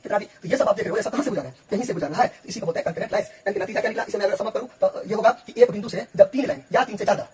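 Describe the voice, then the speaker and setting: Fast-talking male math teacher. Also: sits high, expressive, a little mellow. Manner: quick, repetitive, checks in with the listener often. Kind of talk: explaining geometry on a board.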